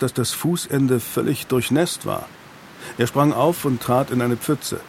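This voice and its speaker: A man reading an audiobook in steady scripted narration. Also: medium pitch, noisy background. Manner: steady storytelling. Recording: music bed underneath.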